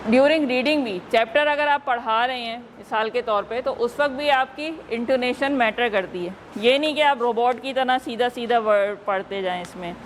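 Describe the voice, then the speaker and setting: A woman from Pakistan leading a teacher-training workshop, slowly modelling words and quizzing the class. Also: fairly high pitch, a little hiss or hum, low-quality recording.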